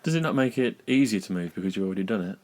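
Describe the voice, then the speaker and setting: Low-voiced man inside a small trailer. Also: animated, racing, a little mellow. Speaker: podcast co-host. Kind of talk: casual conversational podcast chat. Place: inside a small caravan with soft furnishings.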